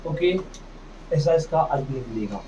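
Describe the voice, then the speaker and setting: This phonics lesson features a man with a fairly high, warm voice who speaks at a measured pace with lively intonation. He sounds out English words for his class, drills their pronunciation, and poses questions only to answer them himself. A distant, dull microphone picks him up, along with faint noise.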